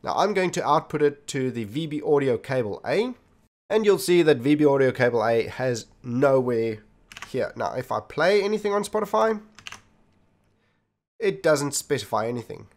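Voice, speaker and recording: A man of medium pitch and lively intonation talks viewers through a computer tutorial at a moderate pace, giving direct, step-by-step instructions as he demonstrates. The narration sounds scripted and was captured indoors on a desktop computer's microphone.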